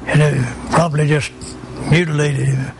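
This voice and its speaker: A man's voice: fairly high pitch, little pitch movement, normal speed, a little hiss or hum. An elderly American man, an old veteran remembering the war in plain, folksy, repetitive phrases. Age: 80s. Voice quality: creaky aged voice.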